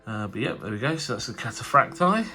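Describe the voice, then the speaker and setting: A nasal, stuffy-nosed man hosts casual unboxing commentary for a tabletop wargaming channel, chatty and rambling with frequent fillers and restarts. His mid-range voice is expressive, sharp and fast. There's soft music in the background.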